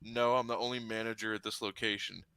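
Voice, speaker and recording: Guy doing a chill deadpan pizza manager dude, low and flat, dry close sound. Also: fast talker, clean tone, no echo. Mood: calm deadpan. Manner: flat, matter-of-fact. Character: calm, deadpan young male pizza shop manager.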